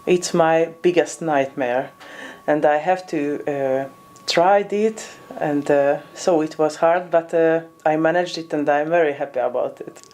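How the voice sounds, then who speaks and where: A woman in her thirties from Hungary, an animator and teacher, answering interview questions haltingly and searching for words. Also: sits low, a little mellow. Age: 30s.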